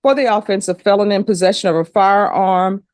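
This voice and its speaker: A woman's voice: mid-range voice, steady tone, brisk, a little mellow, no echo. Stern woman judge in a courtroom, close sound. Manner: stern, plain-spoken, admonishing. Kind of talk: courtroom questioning and lecturing in a courtroom.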